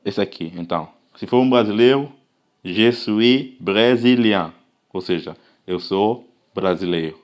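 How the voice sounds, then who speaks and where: A man's voice: low-pitched, a little mellow. A man from Africa giving a casual language lesson, patiently repeating and drawing out example phrases and often checking that listeners are following. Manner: patient, repetitive, checks understanding with "tá vendo?"; slowly drawn-out example phrases. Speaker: language teacher.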